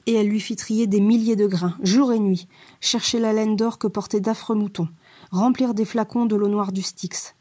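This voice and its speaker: A woman narrating a storybook tale in a measured, expressive reading. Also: mid-range voice.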